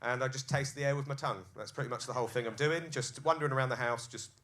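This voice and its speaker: A man's voice: mid-range voice, fast talker, a bit bright. A man doing a live stand-up set in a comedy club, acting out scenes with crude jokes. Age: 30s.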